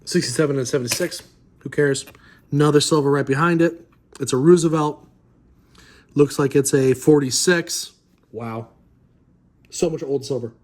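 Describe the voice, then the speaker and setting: A man's voice: a little high, normal speed, darkish tone. A man vlogging while sorting coins, talking to his viewers and stammering and repeating words in amazement. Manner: addresses viewers directly. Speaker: coin roll hunting vlogger.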